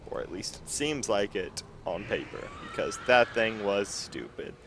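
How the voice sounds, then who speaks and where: Slow, relaxed man commenting on gameplay. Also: lowish voice, creaky, slight background noise. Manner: relaxed, thinking aloud while playing. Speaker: gameplay video host.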